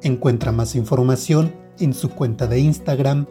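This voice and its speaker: Very deep-voiced woman announcer. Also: normal speed, warm tone. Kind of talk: scripted promo announcement. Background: music bed.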